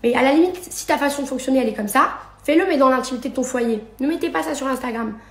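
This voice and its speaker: A young woman with a high voice vents into her phone at arm's length, sarcastic, indignant and firing off one jab after another. The room around her rings with a noticeable echo, like a bare apartment. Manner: indignant, sarcastic, rapid-fire. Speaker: reality TV personality and influencer. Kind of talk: social media story rant. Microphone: phone held at arm's length.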